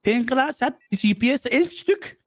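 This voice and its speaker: A man puts on a bumbling police detective who mangles his German and drops Turkish interjections. The voice sits very high and swoops about a lot. It is recorded close and dry. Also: animated, moderate pace, no echo. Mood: matter-of-fact. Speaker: roleplay player. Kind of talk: casual role-play.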